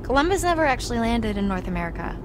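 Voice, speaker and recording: A sarcastic young woman riding as a passenger in a video game. She makes dry, deadpan quips. The game audio carries a clear rumble of the car. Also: rapid-fire.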